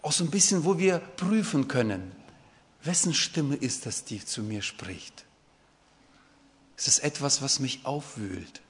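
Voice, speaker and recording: A man's voice: mid-range voice, animated, unhurried. A man preaching a sermon in German, earnest, sometimes rising to fervent pleading. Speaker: pastor. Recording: long reverb of a hall.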